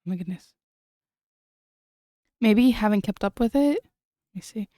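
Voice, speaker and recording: A woman's voice: mid-range voice, expressive, measured pace, warm tone, no echo. Giggly young woman streamer, dry close mic. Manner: chatty, giggly, trails off and restarts. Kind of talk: casual late-night stream chat.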